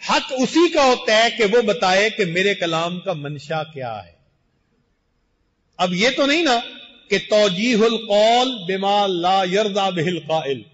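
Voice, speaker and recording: An older man giving a measured, deliberate sermon as a Sufi sheikh, slowing for emphatic phrases. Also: high-pitched, fairly bright tone. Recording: muffled recording in a reverberant hall.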